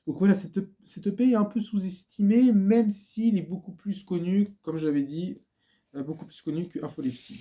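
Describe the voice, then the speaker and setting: Guy casually talking about his records, lots of ums and restarts, kinda mellow dark voice. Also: mid-range voice. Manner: hesitant, many fillers and restarts. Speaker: vlogger presenting records and books. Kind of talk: casual chat.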